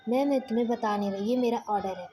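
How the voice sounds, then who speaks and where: A woman reading a strict father in a spoken story. He lays down orders sternly in a soft, dark voice. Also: on the high side, fast, breathy edge.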